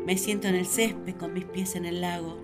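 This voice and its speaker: A woman's voice: fairly low pitch, normal speed, over music, natural voice. A woman voicing Eve, the curious and talkative first woman, narrating her thoughts. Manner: chatty, wondering, expressive. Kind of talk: radio drama narration.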